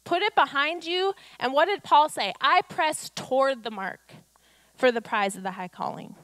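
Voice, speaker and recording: A woman in her thirties preaches a sermon into a handheld mic on a church stage, her high-pitched, slightly bright voice moving with lively intonation at a normal speed. Exhorting her listeners, she fires off rhetorical questions and acts out quotes, and the recording has no room sound.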